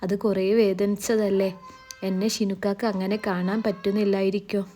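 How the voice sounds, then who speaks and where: Mellow-voiced storyteller woman. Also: medium pitch, level tone, moderate pace, soft background music. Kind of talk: first-person story narration.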